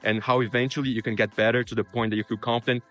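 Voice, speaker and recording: Speaking to camera with career tips, a Brazilian man who grew up speaking Portuguese keeps things quick and casual, with frequent "you know" fillers. His delivery is flat, his medium-pitched voice a touch bright, with faint music in the background.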